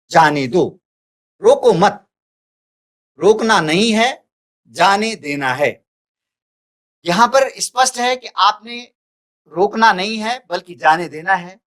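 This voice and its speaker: A man's voice: high voice, fairly bright tone. A male teacher giving a recorded lesson, explaining carefully and restating each point. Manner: deliberate, repeats and restates points.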